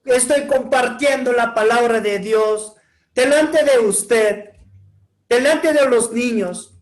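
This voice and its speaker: A male pastor leads children through a sermon in slightly broken Spanish, calling on each group in turn. He talks very slowly and encouragingly, in a very high voice. The recording has a roomy echo. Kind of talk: preaching to children with shouted call-and-response.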